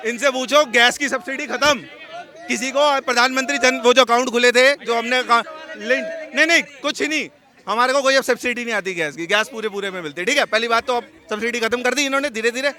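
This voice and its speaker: A man's voice: very high-pitched, fast talker, sharp tone. A man in a heated street debate, insisting on his turn to speak and answering sarcastically. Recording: crowd noise behind.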